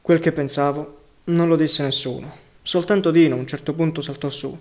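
Male audiobook narrator, higher-pitched, even literary reading. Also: normal speed. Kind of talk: novel reading.

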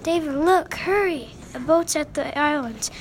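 A woman's voice: high-pitched, fairly even intonation, normal speed, a little hiss or hum. Jeff, a woman reading a cautious older boy.

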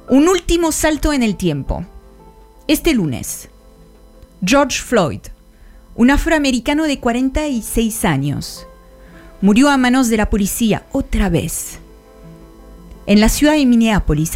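Slow, dramatic woman radio columnist. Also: on the high side, very animated, darkish tone, faint music behind. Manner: slow, dramatic storytelling delivery. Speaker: international affairs columnist. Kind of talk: radio column narration over music.

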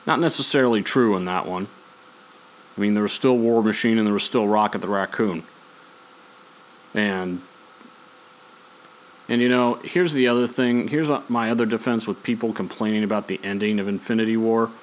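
Speaking at a normal pace with long pauses, a man with a lowish voice hosts a podcast, rambling conversationally and sharing opinions on sports and movies. It's a low-quality recording.

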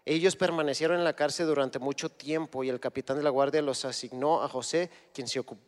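A man's voice: fairly high pitch, fairly even intonation, fairly quick. Man preaching in a reverberant hall. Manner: conversational, retells scripture with imagined dialogue. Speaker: guest preacher. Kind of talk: sermon.

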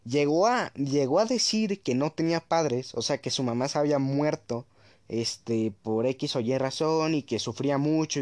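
A man's voice: fairly high pitch, darkish tone, no echo. Indignant man. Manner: indignant, keeps checking in with "¿ok?"; frequent "este" fillers and restarts. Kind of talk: storytime vlog.

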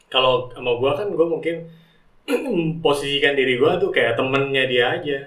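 A man's voice: medium pitch, normal speed, fairly bright tone. A middle-aged man chatting casually as a podcast guest, slangy and informal, often acting out the advice he gives. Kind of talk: casual chat. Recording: roomy echo, distant from mic.

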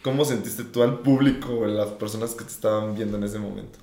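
Joking interviewer, echoey room. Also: male voice, fairly low pitch, steady tone, quick pace, dark tone. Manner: reacts with frequent "wow", jokey slang. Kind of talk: casual conversational interview.

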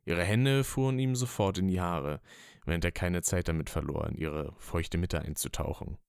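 A man reading a story as narrator in a steady, even manner. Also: low-pitched, normal speed, vocal fry, clear, resonant tone, no room sound, studio quality. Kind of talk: scripted narration.

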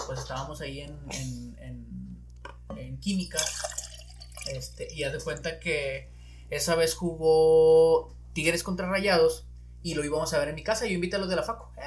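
A man's voice: fairly high pitch, moderate pace. A young man with a northern Mexican accent from Monterrey, telling stories in a casual chat and swearing freely. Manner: slangy, swears freely, excitable storytelling.

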